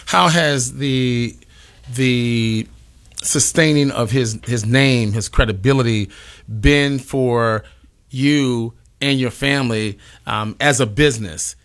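A man at a middle pitch hosts an interview. He asks long, winding questions, halting and repeating words as he goes. He keeps a conversational tone. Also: fairly bright tone. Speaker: interview host.

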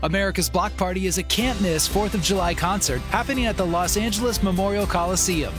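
A male announcer with a fairly high voice reading a promotional event spot. Guitar music plays clearly behind him. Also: fast. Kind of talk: scripted advertisement.

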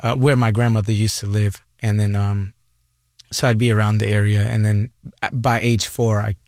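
A man's voice: on the low side, level tone, normal speed, darkish tone, dry recording, studio quality. A man from Boston, a guest on a radio show, answering in a rambling, hesitant way with many fillers. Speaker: guest performer. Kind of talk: casual radio interview.

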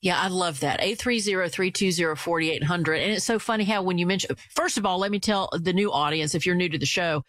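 A woman's voice: fairly low pitch, fairly quick, hardly any pauses, a bit bright, dry recording, clean studio sound. A woman hosting a radio talk show, chatty and upbeat as she questions her guest. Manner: chatty, upbeat, repeats phone number.

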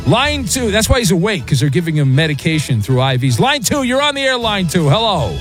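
A man hosting late-night sports talk radio with a smooth radio host delivery, joking quickly with callers. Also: high-pitched, very animated, soft background music. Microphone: studio microphone.

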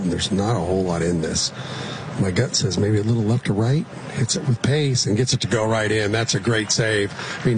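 A man's voice: fairly low pitch, noisy background. A man working as an on-course golf commentator, calling play shot by shot in colloquial language.

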